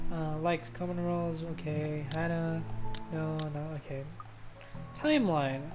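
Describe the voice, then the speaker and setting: A woman with a deep voice streams a let's play, reading visual novel narration aloud, occasionally stumbling over words and dropping into casual asides. Loud game music plays beneath her voice.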